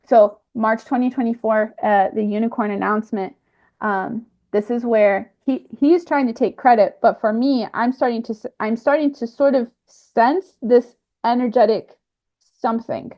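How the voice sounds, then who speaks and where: A woman talking through a personal spiritual experience in a reflective monologue, pausing and restarting often. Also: fairly high pitch. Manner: halting, with frequent fillers and restarts. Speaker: speaker sharing a personal spiritual account. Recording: slightly muffled lo-fi recording.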